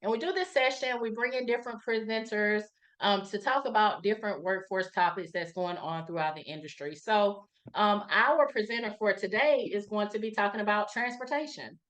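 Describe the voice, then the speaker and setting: A woman's voice: medium pitch, normal speed, fairly bright tone. Host: woman, friendly, casual with fillers, mid-range voice. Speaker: webinar host. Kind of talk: webinar introduction.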